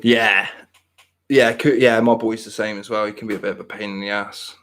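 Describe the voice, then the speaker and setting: Man, mid thirties, lowish voice, casual rambling chat, self-mocking. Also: flat delivery, brisk, fairly bright tone. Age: 30s. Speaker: podcast host.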